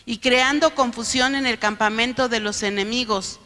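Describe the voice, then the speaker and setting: A woman pastor preaching a sermon, often checking in with the congregation with quick questions. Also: a little high, steady tone, sharp tone. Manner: keeps asking the congregation "¿no?". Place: church sanctuary. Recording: long reverb of a church hall.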